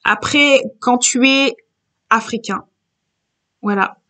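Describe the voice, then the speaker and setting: A woman's voice: fairly high pitch, slow, bright, forceful tone. A woman from Italian-speaking Switzerland talking casually to camera in a rambling way, often circling back and repeating herself. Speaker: vlogger.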